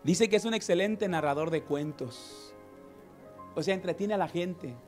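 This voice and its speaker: A man delivers a lively sermon in a notably high voice. He acts out everyday scenes and keeps calling his listeners brother, while soft music plays faintly behind him. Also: a little slow. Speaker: preacher.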